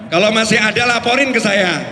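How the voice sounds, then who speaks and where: A male preacher giving a lively, casual sermon, telling stories and acting out their voices. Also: high voice, brisk, slight background noise. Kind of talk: lively religious sermon storytelling. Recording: roomy hall reverb.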